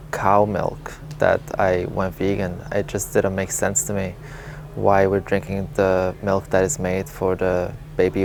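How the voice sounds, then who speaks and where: A man in his thirties from Lebanon, telling his story candidly and reflectively in a relaxed interview. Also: sits low, creaky, slight background noise. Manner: candid, reflective, with small laughs and fillers. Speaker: interviewee, vegan advocate.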